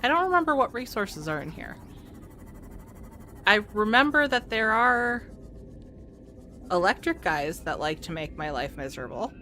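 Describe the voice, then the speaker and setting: This game streamer has a medium-pitched, sing-song voice that sounds pushed and bright, at a moderate pace broken by long pauses. Over game music, she chats to viewers and thinks aloud as she plays.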